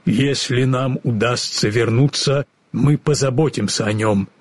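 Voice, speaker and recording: A man voicing a gentle, tender-hearted tin woodman in a storybook, earnest in manner. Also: mid-range voice, unhurried, no echo, close to an everyday voice.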